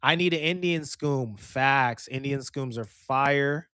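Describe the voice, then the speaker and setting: A man's voice: medium pitch, slow, pushed and bright, smooth, no echo, clean studio sound. A man hosting a livestream, chatting casually, joking and reading chat comments aloud. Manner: joking, laughs often, reads chat aloud. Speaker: streamer host.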